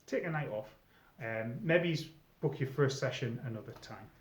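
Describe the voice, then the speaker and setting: With lively intonation and a moderate pace, a middle-aged man in a medium pitch gives newcomers casual, conversational advice, and there's slight background noise. He's a presenter and ex-game storyteller doing an informal advice video monologue in an echoey room with slightly dull sound.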